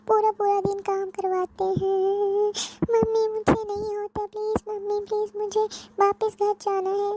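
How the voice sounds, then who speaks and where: A woman's voice: extremely high pitch, dark tone. A woman voicing a tearful young married woman who pleads and whines about her in-laws. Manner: whiny, pleading. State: crying. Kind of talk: cartoon voice acting.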